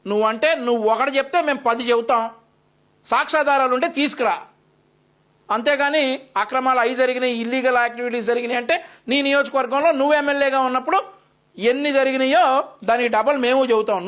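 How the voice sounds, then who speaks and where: A man's voice: very high voice, fairly bright tone. A male news commentator delivering an opinionated, scolding rebuttal with a sarcastic edge.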